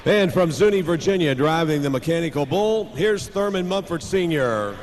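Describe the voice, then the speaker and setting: High-voiced male tractor pull announcer, booming hall. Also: expressive, normal speed. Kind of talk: live event announcing of driver line-ups. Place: large indoor arena. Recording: reverberant arena PA, background noise.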